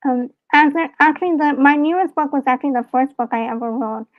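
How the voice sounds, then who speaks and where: A woman's voice: high voice, fast talker, no room sound. A woman from Hong Kong, an author being interviewed live over a call, speaking earnestly and reflectively. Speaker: author and guest. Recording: dry, phone-like call audio.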